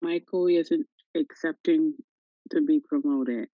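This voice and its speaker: A woman's voice: sits low, slow pace, no room sound. A woman on staff managing speakers in a virtual board meeting, matter-of-fact as she reads out names, over muffled video-call audio. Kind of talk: procedural announcements.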